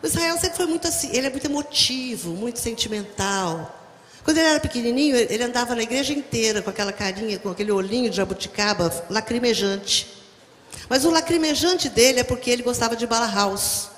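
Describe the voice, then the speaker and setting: A lively middle-aged Brazilian woman pastor delivers a sermon in a high, animated voice, joking with the congregation. Her words ring out in a large reverberant church hall with faint room noise behind. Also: quick pace. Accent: Brazilian Portuguese. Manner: animated, humorous, addresses the congregation directly. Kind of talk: sermon with storytelling. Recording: echoey hall, faint ambience.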